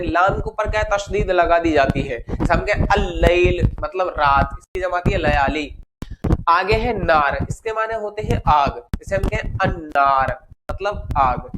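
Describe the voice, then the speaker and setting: Man teaching a grammar lesson, high voice. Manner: asks questions then answers them himself; slows down to spell out example words. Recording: noisy recording.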